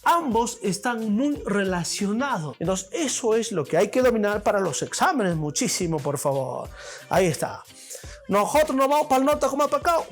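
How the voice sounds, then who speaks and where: A man teaching a classroom lesson, his pitch rising and falling in a lively way. He asks questions and answers them himself. Faint music plays underneath. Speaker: language teacher.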